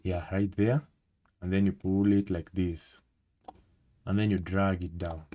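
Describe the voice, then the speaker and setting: A man's voice: sits low, flat delivery, a little slow, warm tone. A man with a Kenyan accent giving a screen-recorded trading tutorial, talking conversationally and checking in often with "okay?". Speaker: trading instructor.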